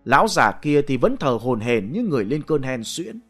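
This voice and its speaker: A man narrating a ghost story aloud in a dramatic, expressive way. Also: mid-range voice, normal speed, faint music behind.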